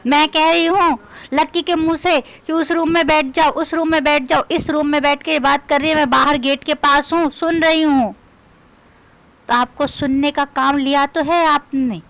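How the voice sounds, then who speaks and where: A woman's voice: high-pitched, steady tone, moderate pace, a bit bright. A woman doing a comic rant in a scolding, mocking, quarrelsome way. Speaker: comedian.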